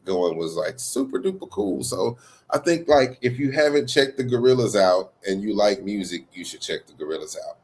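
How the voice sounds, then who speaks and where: A man co-hosting a podcast in casual chat, animated and joking in a loose way. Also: on the low side, normal speed. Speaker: podcast co-host.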